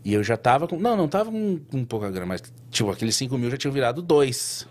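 A man, a tattoo artist guest, telling a story in an interview in an animated, slangy way, with lots of fillers and restarts. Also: mid-range voice, fast talker.

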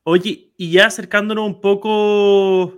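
A man's voice: high voice, level tone, slow, clean tone. A man hosting a podcast interview, asking friendly questions with short backchannel replies. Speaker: podcast host. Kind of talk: casual interview.

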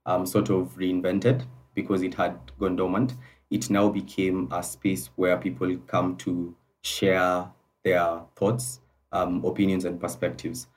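A man from Kenya answering as a podcast guest in a polite, hesitant, measured way, recorded at some distance from the mic. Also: deep voice, a little mellow. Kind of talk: conversational interview answers.

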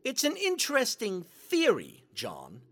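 A theatrical, snide supervillain, wildly swooping. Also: male voice, high-pitched, wildly swooping pitch, a bit bright, heavily acted. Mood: scornful. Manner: dramatic, snide, drawn-out delivery. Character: theatrical, sarcastic, self-serving male rogue supervillain. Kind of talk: theatrical audio drama acting.

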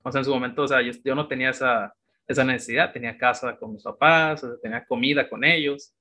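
A Mexican man in his thirties talks through his past as an interview guest. His voice is bright and forward, and he keeps a loose, chatty flow full of little fillers. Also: medium pitch, fast talker. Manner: relaxed storytelling with many fillers. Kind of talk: casual interview chat.

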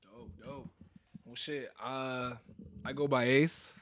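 A man's voice: medium pitch, level tone. Joking young man from Mexico. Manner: joking, drawn-out slangy storytelling. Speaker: podcast guest. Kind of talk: casual chat.

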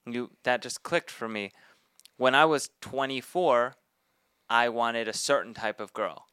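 Man in his twenties, bright voice, smooth, relaxed, reflective podcast co-host. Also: medium pitch, a little slow, no room sound, clean studio sound. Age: 20s. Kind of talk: casual podcast chat.

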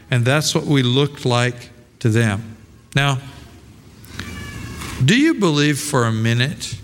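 A male pastor preaching a sermon in a conversational way, full of rhetorical questions and restarts. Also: mid-range voice. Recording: long hall reverb.

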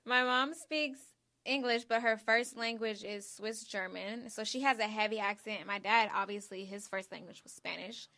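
A woman's voice: mid-range voice, moderate pace, bright, forceful tone. A young woman hosting a podcast, chatting casually and laughing often. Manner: giggly, chatty. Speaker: podcast host. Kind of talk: casual chat.

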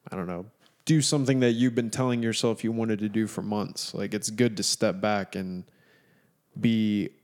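A man co-hosting a podcast, talking in a relaxed, reflective way and hedging with fillers. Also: lowish voice, moderate pace. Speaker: podcast co-host. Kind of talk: casual chat.

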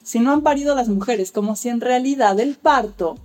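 Faint music plays behind a woman with a somewhat high, darkish voice speaking at normal speed. As an expert guest in an interview, she explains childbirth care in an articulate, lecturing manner and acts out quoted dialogue.

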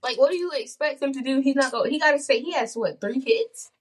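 A woman's voice: high-pitched, quick pace. A young woman co-hosting a podcast in casual chat, joking and slangy, often laughing. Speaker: podcast co-host.

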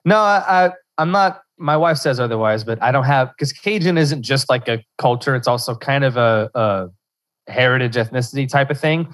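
This podcast guest, a young man from South Central Louisiana, has a medium-pitched, slightly bright voice and a normal speed. His casual interview talk comes in loose rambling bursts full of fillers and restarts.

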